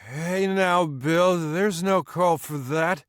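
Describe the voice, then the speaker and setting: A man's voice: fairly high pitch, slow pace, clean tone, no echo, clean studio sound, pitched above the performer's own voice. A man voicing a frightened drunk who stammers and whines as he pleads. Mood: pleading. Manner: stuttering, whiny pleading. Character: scared drunk man, blustering then pleading.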